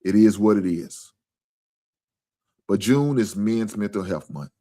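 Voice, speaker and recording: A man's voice: on the low side, unhurried, warm tone. A man hosting a live sports stream in casual, profane talk, earnest and repetitive.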